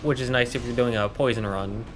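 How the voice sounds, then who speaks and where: A man's voice: mid-range voice, fairly even intonation, a little fast, noisy background. A man giving casual, joking commentary as he plays through a game. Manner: chatty, joking asides. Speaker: gameplay commentator.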